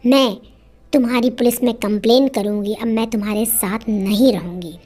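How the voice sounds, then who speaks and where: A woman's voice: fairly high pitch, fairly even intonation, moderate pace, mellow, soft background music, natural voice. A woman voicing a mistreated young wife who pleads at times and defies her husband at others. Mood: defiant. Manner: pleading and defiant. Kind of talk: storytelling with acted dialogue.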